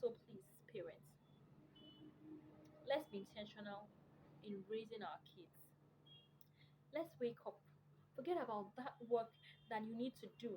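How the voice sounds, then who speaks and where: High-voiced woman pleading with parents. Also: moderate pace, pauses often, dark tone, slight background noise, low-quality recording. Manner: pleading, preachy, repeats words for emphasis. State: emotional, near tears. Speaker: vlogger. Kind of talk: impassioned appeal to parents.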